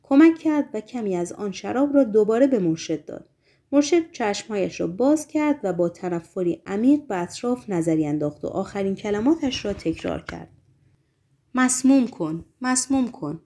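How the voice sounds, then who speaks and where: A woman narrating a novel as an audiobook in a steady, measured storytelling voice that softens in descriptive passages. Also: mid-range voice.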